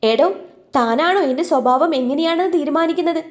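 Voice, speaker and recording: Casting: a woman voicing a feisty sharp-tongued girl, high and shrill, bickering nonstop in a storybook. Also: fairly quick, close to an everyday voice. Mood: indignant. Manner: indignant, shrill complaining. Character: sharp-tongued short young woman, quarrelsome.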